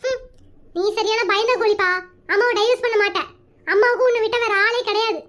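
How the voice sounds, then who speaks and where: A woman's voice: extremely high pitch, brisk, a bit bright. A woman voicing a cheeky, dramatic young boy in a cartoon comedy, speaking with a rural Tamil Nadu accent and a whiny, pleading manner. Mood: sassy. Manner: whiny, pleading, mock-threatening.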